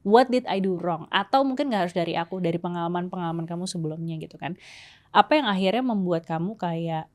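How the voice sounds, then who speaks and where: A woman's voice: lowish voice, fast talker. A woman, co-hosting a casual relationship talk and mixing in English phrases. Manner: mixes English phrases, laughs often. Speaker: relationship coach co-host. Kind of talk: casual conversation.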